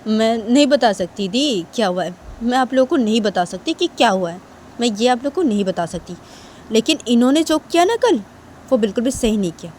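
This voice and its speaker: A woman's voice: a little high, lively intonation, fairly quick, a little mellow, a little hiss or hum, close to an everyday voice. A woman voicing an angry young woman in a homemade storytelling video, insisting over and over that she was wronged. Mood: angry, accusing. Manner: insistent, repeats herself stubbornly.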